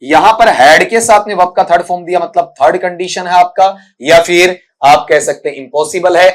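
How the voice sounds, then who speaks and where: A middle-aged male English teacher explaining exam grammar and pronunciation in Hindi, calling his students "beta", sounding words out slowly and leaning on the filler "aapka". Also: a little high. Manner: addresses students as "बच्चा" and "बेटा", spells and sounds out words slowly; filler "आपका" repeated constantly.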